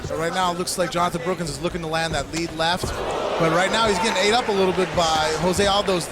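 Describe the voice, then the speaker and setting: A man's voice: sits high, fairly even intonation, quick pace, heavy background noise. A man giving conversational, technical color commentary on a live fight. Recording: loud crowd and music behind.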